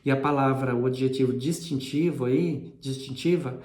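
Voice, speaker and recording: A man's voice: medium pitch, steady tone, moderate pace, a little mellow. A man, explaining linguistics in a patient lesson and repeating key terms. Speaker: linguistics teacher. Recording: echoey room.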